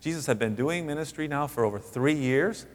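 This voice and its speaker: A man preaching a sermon in a conversational way, with frequent rhetorical questions and sudden rises in pitch for emphasis. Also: brisk, big-room sound. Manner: conversational, animated, rising emphatic asides. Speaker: pastor.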